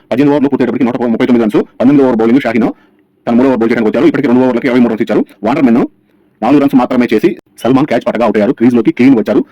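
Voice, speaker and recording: Very fast-talking man recapping cricket. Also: medium pitch, no echo. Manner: rattles through over-by-over scores. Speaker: YouTube channel host. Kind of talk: scripted cricket match recap narration. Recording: dull, lo-fi sound.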